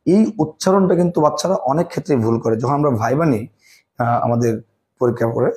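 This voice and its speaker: Male chemistry tutor, mellow, dark tone, self-answering quiz style. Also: medium pitch, a little fast. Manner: asks questions and answers them himself, repeats key terms. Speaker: chemistry teacher. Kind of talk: classroom lecture.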